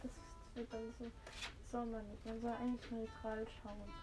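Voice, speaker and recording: A woman's voice: on the high side, little pitch movement, moderate pace, music in the background. A young woman in casual chat, teasingly bossy and swearing freely as she puts a face mask on a friend.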